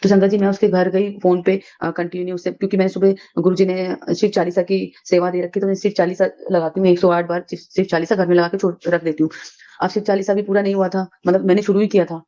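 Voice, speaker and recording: A middle-aged woman shares a casual devotional testimony, chatty and full of fillers and restarts, calling her listeners sangat ji. Her low, warm voice stays level and quick, captured on a dull lo-fi recording.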